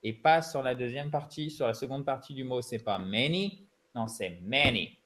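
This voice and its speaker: A man's voice: mid-range voice, brisk. A man with a French accent giving a bilingual lesson, chatty and joking as he explains each step. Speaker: English teacher.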